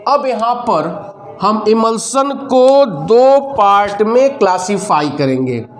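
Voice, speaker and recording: A male chemistry teacher giving a lecture, speaking loudly and quizzing students with repeated questions while dictating terms slowly. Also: high-pitched, sing-song. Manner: speaks loudly over nearby noise. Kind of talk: classroom lecture.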